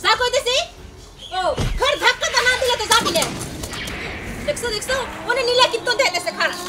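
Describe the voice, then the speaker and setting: A woman playing a harsh, bitter village stepmother who scolds and threatens. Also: a little fast. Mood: scolding. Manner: shrill scolding, threatening, mocking. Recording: music playing under the voice.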